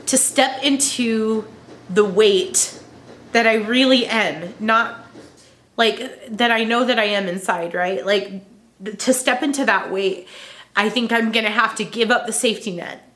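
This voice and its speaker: A woman crying as she talks in a personal confessional vlog, halting and emotional as she searches for words. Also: fairly high pitch, a bit bright. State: crying, tearful. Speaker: vlogger.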